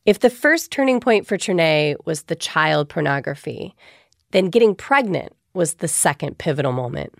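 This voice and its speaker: A woman podcast host giving scripted narration in a measured, explanatory way. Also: deep voice, big pitch swings, creaky, no room sound, clean studio sound.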